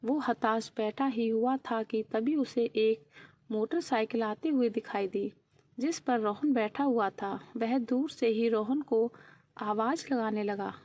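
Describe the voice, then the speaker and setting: A woman narrating a sad story in a steady, solemn storytelling manner. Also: fairly high pitch, unhurried.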